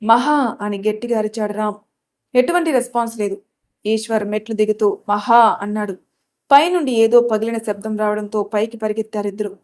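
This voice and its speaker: A woman narrating a scripted love story with an expressive, dramatic reading. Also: medium pitch, a little fast.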